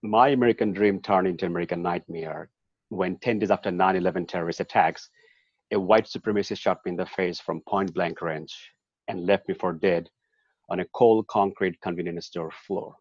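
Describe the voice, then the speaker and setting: Deep-voiced man from Bangladesh, dull audio. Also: fairly even intonation, moderate pace, a little mellow, no room sound. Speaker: panelist, activist. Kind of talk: panel discussion introduction. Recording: dull lo-fi sound.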